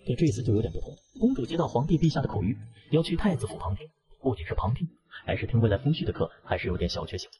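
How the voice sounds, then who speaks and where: A man narrating a fantasy romance comic recap in a brisk storytelling manner. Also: medium pitch, very animated.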